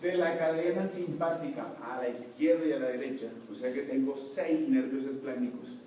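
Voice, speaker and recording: A man's voice: mid-range voice, moderate pace, warm tone. A man giving a university anatomy lecture, explaining step by step and checking with his students. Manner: explains step by step, asks the class to confirm. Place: lecture hall. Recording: echoey hall from far off, faint noise.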